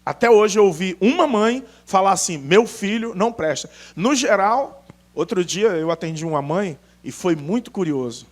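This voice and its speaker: A man's voice: high-pitched, normal speed. A male pastor preaching an emphatic sermon full of stories, acting out dialogue as he goes. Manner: animated, emphatic, acts out dialogue. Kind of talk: storytelling sermon.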